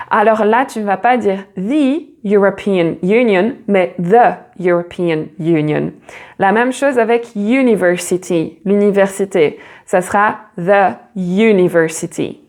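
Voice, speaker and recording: Woman, English teacher, online lesson; slow, patient, repeats words to model sounds. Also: medium pitch.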